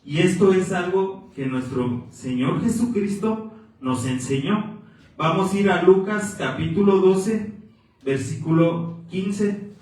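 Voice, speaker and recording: A man's voice: sits high, takes it slowly, a little mellow. A male pastor, preaching a sermon in an earnest, exhorting way and repeating phrases for emphasis. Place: church sanctuary. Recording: very echoey church from far off.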